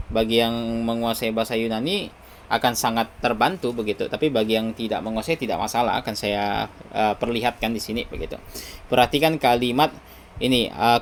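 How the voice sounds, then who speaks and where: A man's voice: mid-range voice, a little hiss or hum. A male preacher giving a Bible teaching sermon, emphatic, often closing his phrases with a short tag word. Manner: emphatic, repeats "begitu" to close phrases.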